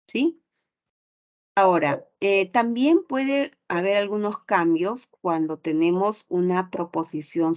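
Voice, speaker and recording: Woman, teacher, unhurried, lowish voice, patient explanations, muffled lo-fi sound. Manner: explains patiently, often adds tag questions. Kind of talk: online class explanation. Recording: dull lo-fi audio.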